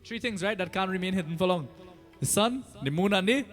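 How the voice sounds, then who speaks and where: High-pitched Trinidadian man preaching. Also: fairly quick, faint music behind. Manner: animated storytelling with rhetorical questions and "eh?" tags. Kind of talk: conversational sermon to devotees.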